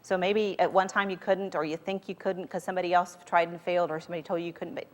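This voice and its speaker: A woman's voice: fairly low pitch, level tone, fast talker. Emphatic woman giving a motivational talk. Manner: emphatic, conversational, uses rhetorical questions. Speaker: motivational speaker leading a workshop. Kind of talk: motivational talk to a live group.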